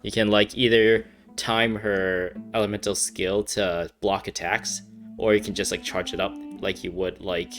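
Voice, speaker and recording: A woman's voice: rumbling low, flat delivery, a little slow, faint music behind. A woman giving casual, playful game commentary with silly asides as she plays. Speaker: game streamer. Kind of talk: casual game commentary with dialogue read-along.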